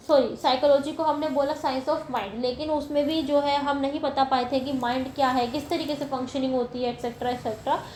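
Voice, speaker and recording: High-voiced woman teaching in an echoey room. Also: a little mellow, a little hiss or hum. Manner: explains step by step, often asking "ठीक है ना". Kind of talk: lecture to teacher-training students.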